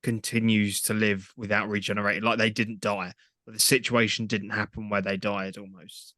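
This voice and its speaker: A young man co-hosting a casual podcast chat, speaking in a measured way and slowing down to explain. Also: fairly low pitch, level tone, pushed and bright, no room sound, studio quality. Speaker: podcast co-host.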